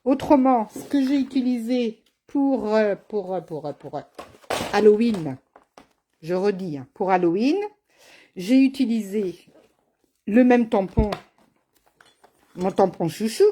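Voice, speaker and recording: A woman's voice: mid-range voice, unhurried, pauses often, mellow. A woman running a live card-making tutorial as a craft demonstrator, chatty and teasing, speaking to viewers by name. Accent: has an accent, not named.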